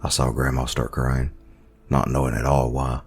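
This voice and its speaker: A man with an extremely deep, flat voice reads a horror story in a slow, brooding way. Faint music plays under the narration. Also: breathy edge.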